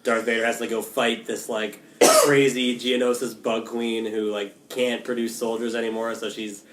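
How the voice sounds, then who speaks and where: A man's voice: mid-range voice, flat delivery, normal speed, echoey room, noisy background. A man co-hosting a casual film discussion, chatty, with lots of "like" fillers. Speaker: podcast co-host.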